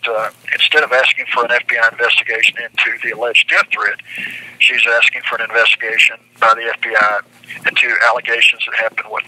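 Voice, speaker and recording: A man's voice: medium pitch, sharp tone, no echo, rough recording. A man speaking indignantly and emphatically on a prison phone, as an inmate calling out from jail. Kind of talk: impassioned phone talk. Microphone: telephone.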